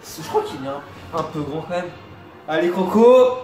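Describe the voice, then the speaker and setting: A young man talks to his camera at home, high in pitch and excitable, often restarting his sentences. His voice rings in an echoey room while TV music plays faintly behind him. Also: moderate pace. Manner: excitable, thinks aloud with restarts. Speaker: vlogger reacting to a TV show. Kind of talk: casual reaction commentary. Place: room at home, filming on a tripod. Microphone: camera mic on tripod.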